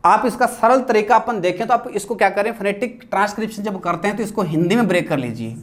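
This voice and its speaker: A man's voice: high-pitched, lively intonation, quick pace. Man teaching, asking and answering himself. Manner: asks questions and answers them himself; mixes English terms into Hindi explanation. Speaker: English teacher. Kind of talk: exam-prep grammar lecture.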